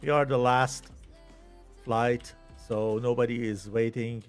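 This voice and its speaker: Slow-talking man commentating. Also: medium pitch, fairly even intonation, faint music behind. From Iran. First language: Persian. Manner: unhurried, thinking aloud between phrases. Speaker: stream commentator. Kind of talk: live flight-sim tournament commentary.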